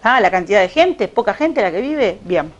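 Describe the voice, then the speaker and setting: A woman teacher, giving a recorded lecture and reading excerpts slowly, with many rhetorical questions. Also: mid-range voice, very animated, muffled recording.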